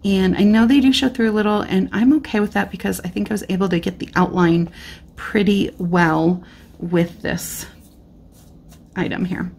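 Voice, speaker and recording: A woman narrates a relaxed card-making tutorial from her indoor craft desk, filmed from overhead so only her hands on the craft mat appear. Her mid-range voice is gravelly and a little mellow, with fairly even intonation at a moderate pace, and she's slightly losing it as she chats and thinks aloud.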